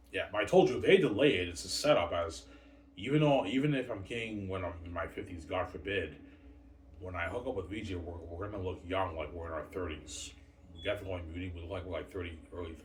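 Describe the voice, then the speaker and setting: A man talking in a rambling, repetitive casual monologue, often tagging lines with "obviously" and "man". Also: sits low. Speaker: vlogger. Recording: echoey room, distant mic, faint noise.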